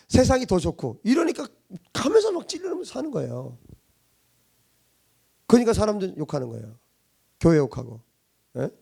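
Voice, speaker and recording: Male pastor, sermon voice, lively high-pitched delivery, husky and gravelly. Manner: emphatic preaching with rhetorical questions, swinging between loud and hushed. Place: church congregation.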